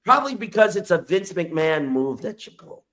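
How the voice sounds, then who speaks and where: High-voiced man roasting with crude insults. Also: sing-song, a little fast, fairly bright tone. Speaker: podcast host. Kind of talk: profane comedic roast.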